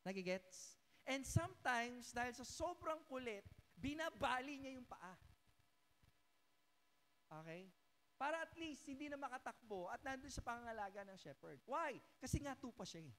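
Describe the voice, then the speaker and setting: A woman pastor with a Filipino accent preaching a sermon in church. She reads scripture slowly and keeps asking the congregation rhetorical questions. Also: high-pitched, expressive, a bit bright.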